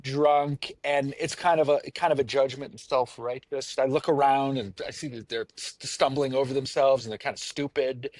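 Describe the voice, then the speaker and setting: A man's voice: mid-range voice, a little mellow, no echo. A man from the Pacific Northwest co-hosting a casual chat, rambling and self-mocking, often trailing off and restarting. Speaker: podcast co-host.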